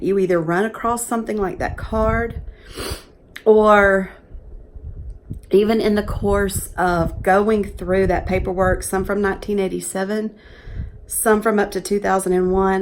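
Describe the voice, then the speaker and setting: A woman's voice: medium pitch, a little hiss or hum. A woman, talking earnestly and chattily to camera in a casual vlog. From Georgia, USA. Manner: earnest, chatty, emotional at times. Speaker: professional organizer vlogger.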